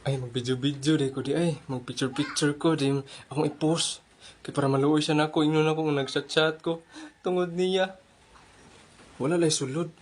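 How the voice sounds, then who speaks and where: A man's voice: on the high side, steady tone, moderate pace, a little hiss or hum. Comedy sketch performer, man, playful and switching voices. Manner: playful, switching between characters. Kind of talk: comic skit acting.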